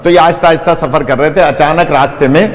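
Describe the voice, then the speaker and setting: A man's voice: fairly high pitch, fairly even intonation, in a large hall. A man preaching a sermon to a gathering, retelling a story dramatically with quoted dialogue and blessings for the listeners.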